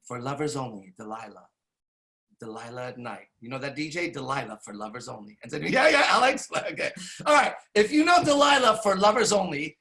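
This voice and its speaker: An Iranian podcast host in his forties tells a rambling, profane personal story in a candid monologue, full of restarts and tag questions. His voice is a little high, gravelly, and bright, with a forceful tone.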